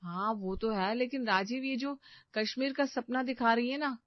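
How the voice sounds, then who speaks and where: Lady playing a dreamy young bahu, bit higher voice, eager, lo-fi dull audio. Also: fairly even intonation, moderate pace, dry recording, natural voice. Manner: eager, wistful. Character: dreamy hopeful young daughter-in-law.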